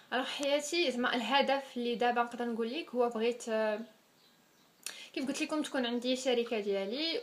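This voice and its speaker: A woman in her twenties with a Moroccan accent, chatting casually as a vlogger answering viewers' questions and slipping French words into her speech. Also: a little high. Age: 20s. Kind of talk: casual Q&A vlog.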